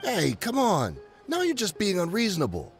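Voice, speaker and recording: An actor gives a full character voice as a nervous male smuggler in a game cutscene, pleading and bargaining when cornered and quick to back down. His voice is high-pitched with huge pitch swings, over soft background music.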